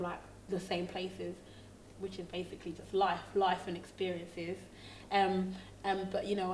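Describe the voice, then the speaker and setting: A woman's voice: fairly low pitch, a little hiss or hum. A woman from Congo, a singer-songwriter, talking thoughtfully about her songwriting and searching for her words. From Democratic Republic of Congo. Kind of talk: reflective interview talk. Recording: roomy, slightly distant mic.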